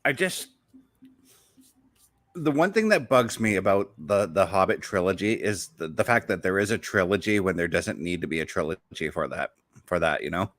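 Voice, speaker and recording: Eager man with a bright voice. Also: sits low, animated, moderate pace, dry recording. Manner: enthusiastic, rambling, backtracking mid-sentence. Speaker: show host. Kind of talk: casual podcast chat about games.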